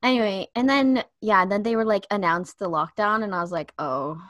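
A woman's voice: mid-range voice, a little fast, fairly bright tone, no room sound. A young woman hosting a podcast, chatting casually, giggly and full of "like". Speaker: podcast host. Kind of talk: casual chat.

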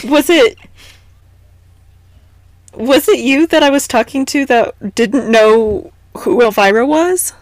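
Woman podcast co-host, slow speech, dry close sound, teasing manner. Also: on the high side, dry recording. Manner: teasing, laughs along. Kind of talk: casual podcast chat.

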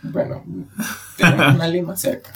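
A man with a Venezuelan accent co-hosting a casual podcast chat, animated and dramatic as he acts out the voices he quotes. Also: fairly high pitch, normal speed, very noisy. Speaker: podcast co-host.

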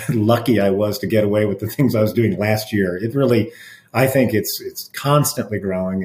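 A middle-aged man, an interventional cardiologist talking through stories in an interview, animated, with restarts and laughs. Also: on the low side, echoey room. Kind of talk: conversational interview storytelling.

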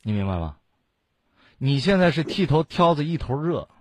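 A man's voice: on the high side, big pitch swings, normal speed, no echo. A man hosting a call-in advice show, lecturing a caller bluntly with strings of rhetorical questions. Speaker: radio advice host.

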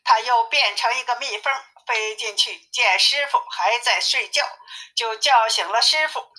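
A woman reading a classic tale aloud as a storyteller, in a lively, clear way. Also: fairly high pitch, a little slow. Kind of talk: children's story narration. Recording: tinny phone-like sound.

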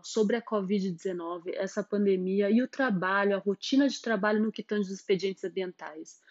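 A woman's voice: mid-range voice, warm tone, no room sound, lo-fi sound. A Brazilian woman presenting and interviewing as a podcast host, in a polished, formal public radio manner.

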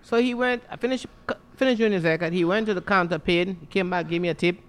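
A barber from Saint Lucia with a Caribbean accent tells funny stories in casual barbershop chat, laughing often and speaking animatedly. His voice sits high, quick and smooth.

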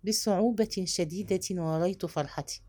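A woman reads the part of a proud young woman in a storybook, soft and measured. Her low voice rises and falls with feeling, bold beneath the tenderness. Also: animated, natural voice. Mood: intimate.

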